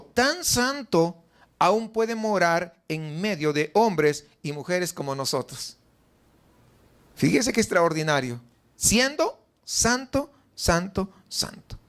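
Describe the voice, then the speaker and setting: A man's voice: high-pitched, animated, unhurried, fairly bright tone. A male pastor with a Mexican Spanish accent preaching a sermon in church, asking the congregation question after question and acting out their doubts. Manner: asks the congregation many rhetorical questions; acts out the doubts of the faithful in a raised voice.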